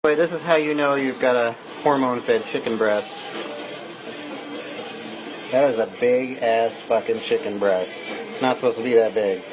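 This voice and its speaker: A man's voice: mid-range voice, normal speed, faint music behind, low-quality recording. A man giving a casual, playful cooking demonstration in a home kitchen, loose and tipsy, swearing freely as he talks. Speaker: home cook hosting a cooking video.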